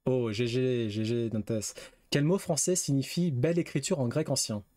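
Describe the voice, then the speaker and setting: Male streamer, mid-pitched, talks through quiz guesses aloud, dry close sound. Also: moderate pace, mellow, dry recording. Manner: reads questions aloud, guesses, swears casually. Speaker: gaming streamer. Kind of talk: casual live quiz game commentary.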